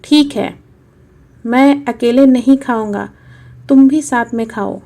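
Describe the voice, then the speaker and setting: A humble old village grandfather speaks softly and gently, read by a woman narrating a storybook. The voice sits a little high yet sounds mellow and warm. His words come slowly and kindly. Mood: gentle.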